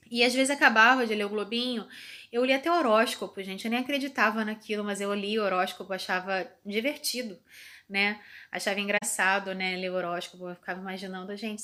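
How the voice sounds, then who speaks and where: A woman's voice: medium pitch, pushed and bright. A woman in her thirties casually telling viewers a childhood story, chatty and full of tag questions. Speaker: vlogger.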